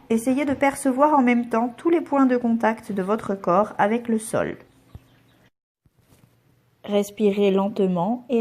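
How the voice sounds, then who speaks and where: This woman's voice sits on the high side as she guides a relaxation meditation in the yoga nidra style. She speaks calmly and soothingly, with measured instructions separated by pauses.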